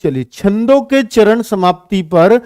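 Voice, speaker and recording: A male Hindi teacher giving an exam-prep lesson, explaining slowly and repeating phrases as he addresses his students. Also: high-pitched, expressive, darkish tone, smooth, no room sound, studio quality.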